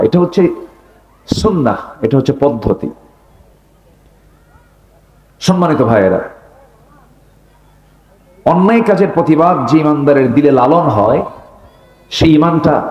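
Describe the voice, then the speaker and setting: A male preacher delivering a sermon at a religious gathering. He keeps putting rhetorical questions to the crowd and shifts between loud emphasis and low asides. The sound is dull and lo-fi, with a roomy echo. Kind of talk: Bengali waz sermon.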